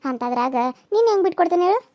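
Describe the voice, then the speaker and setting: A woman's voice: extremely high pitch, big pitch swings, racing, warm tone, no room sound, clean studio sound. A woman voicing Geeta, a tearful young village wife. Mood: defiant. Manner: pleading, tearful and defiant. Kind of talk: cartoon serial voice acting.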